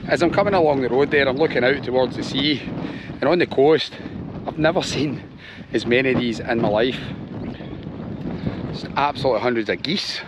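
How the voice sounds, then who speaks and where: A man's voice: mid-range voice, moderate pace, pauses often. A man chatting casually through a travel vlog outdoors, self-deprecating and a little out of breath. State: slightly out of breath. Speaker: cycling vlogger. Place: outdoors, on a ferry and cycling roads. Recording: outdoor wind noise on the mic.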